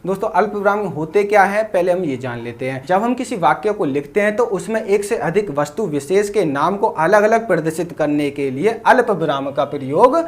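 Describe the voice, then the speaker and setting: A man's voice: high-pitched, lively intonation. Male exam-prep teacher addressing friends. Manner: reads examples slowly and deliberately. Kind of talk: exam-prep grammar lesson.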